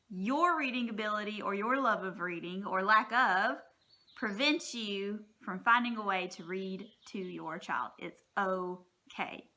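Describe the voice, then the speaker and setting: Speaking as a teacher, a woman with a medium-pitched, sharp-toned voice gives parents informal advice. She is encouraging and reassuring, with a plain-spoken, folksy style.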